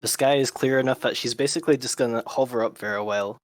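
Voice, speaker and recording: Dude playing a tabletop game, dry close sound, plain middle voice. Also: male voice, mid-range voice, fast, no room sound. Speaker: player. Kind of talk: describing his character's actions.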